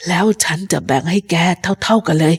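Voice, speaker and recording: A woman voicing a sick old male pirate captain who craves rum, talking slowly and low with strain. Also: lively intonation, breathy edge, heavily acted. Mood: secretive. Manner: slow, low, strained speech. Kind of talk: storybook reading.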